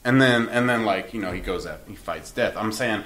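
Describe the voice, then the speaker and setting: A man's voice: fairly low pitch, a little fast. A man in casual podcast chat, retelling comic plots with slangy acted-out voices. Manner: animated storyteller, acts out scenes with slangy voices.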